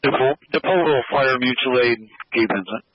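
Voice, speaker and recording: A male dispatcher puts out urgent fire and rescue calls over two-way radio. His voice sits at a medium pitch and sounds dull and lo-fi through the radio. He speaks in procedural phrases and repeats the key details. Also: fairly quick, a little hiss or hum. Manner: procedural, repeats addresses and calls, reads out times. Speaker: county emergency radio dispatcher. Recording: muffled lo-fi emergency radio transmission.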